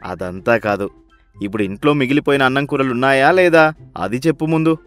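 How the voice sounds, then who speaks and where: A man's voice: medium pitch, brisk, fairly bright tone, soft background music, close to an everyday voice. A man voicing a stingy, sarcastic rich miser who bosses his wife about in a storybook tale. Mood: bossy. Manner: sarcastic, scolding, impatient. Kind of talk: storybook voice acting.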